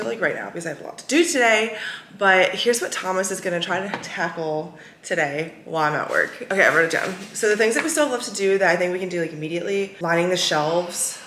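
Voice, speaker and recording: A chatty young woman vlogs to camera, gushing and peppering her talk with fillers. Her voice sits a little low, and it rings with the roomy echo of a half-empty apartment. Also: fairly bright tone, slight background noise. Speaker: lifestyle vlogger. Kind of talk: casual vlog talk to camera. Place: apartment rooms.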